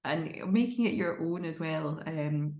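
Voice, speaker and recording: A woman's voice: deep voice, unhurried, darkish tone, echoey room. A woman with a Glaswegian Scottish accent chatting enthusiastically and expressively as an interview guest. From Glasgow, Scotland. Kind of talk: casual conversational interview.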